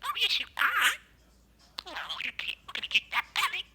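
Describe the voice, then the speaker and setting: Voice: extremely high pitch, very animated, moderate pace, pushed and bright. A talking pet budgie, a small male parakeet, mimicking affectionate phrases in scratchy, buzzy, chirping parakeet chatter. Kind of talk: mimicked speech, sweet talk.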